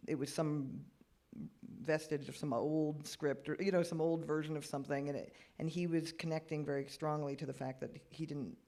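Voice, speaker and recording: A panelist on a festival film panel speaks earnestly in a slightly high voice. The talk is reflective and warm-toned in content, with the odd filler and restart. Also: male voice, fairly even intonation, normal speed. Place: cinema cafe panel.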